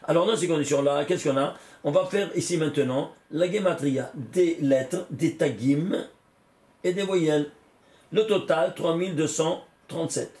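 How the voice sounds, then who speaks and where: Rabbi teaching in an echoey room. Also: male voice, a little high, moderate pace, a little mellow. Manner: repeats phrases, asks and answers his own questions. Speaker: rabbi teaching a Torah class. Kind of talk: Kabbalah lesson with numerology. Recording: echoey room with faint ambient noise.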